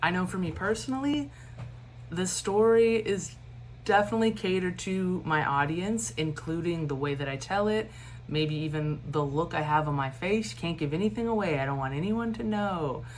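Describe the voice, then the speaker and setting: A low-voiced woman teaches a recorded online lesson. She keeps a steady cadence while adding animated emphasis and informal asides. A faint hum sits behind her voice. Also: moderate pace. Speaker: instructor. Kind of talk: lecture for a recorded online class.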